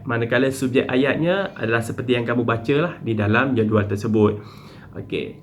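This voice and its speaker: A man's voice: a little high, a little hiss or hum. A man teaching a primary school lesson, explaining step by step with patient repetition. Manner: patient, step-by-step, with frequent "okey" and "ha" fillers.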